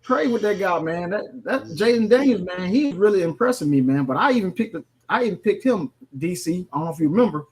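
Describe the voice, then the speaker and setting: A man's voice: sits high, expressive, a little fast, few pauses, a little mellow. A man co-hosting a casual sports radio show, rambling with many fillers. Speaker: co-host.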